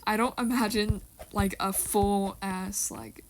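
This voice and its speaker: A woman's voice: medium pitch, fairly even intonation, slow pace, a little hiss or hum, poor audio. A teenage girl chatting casually about a musical's characters, rambling with lots of fillers and restarts. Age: teens. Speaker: co-host of a rating video. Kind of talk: casual chat.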